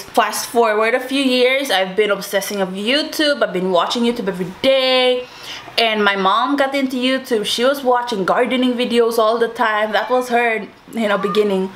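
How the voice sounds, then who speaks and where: A woman's voice: a little high, fairly bright tone, slight background noise. A young adult woman telling a personal story to viewers in a casual, chatty, informal way, like a YouTuber talking to camera. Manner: chatty, informal, addresses listeners as guys.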